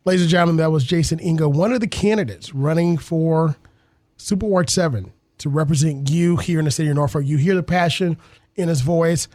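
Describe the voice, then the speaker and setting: A man's voice: on the high side, brisk, a little mellow, dry recording, studio quality. A man, hosting a radio talk show with earnest civic commentary. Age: 30s. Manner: earnest, civic-minded, repeats words while thinking.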